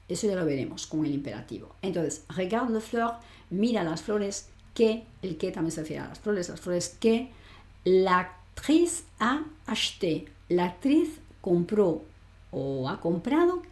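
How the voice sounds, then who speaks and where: Woman, language teacher, mellow voice, asks and answers her own questions, roomy echo. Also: on the low side, sing-song, unhurried. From Spain. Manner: explains step by step, asks rhetorical questions and answers them. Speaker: French teacher. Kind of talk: online grammar lesson. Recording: echoey room.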